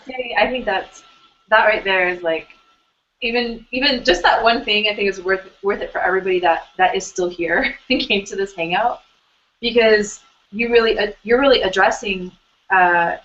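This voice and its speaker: A woman hosts an online hangout like a casual interview, chatting easily and circling back through fillers and restarts. Her medium-pitched, slightly bright voice moves at a normal speed. The audio is dull and lo-fi, like a web call, with slight background noise.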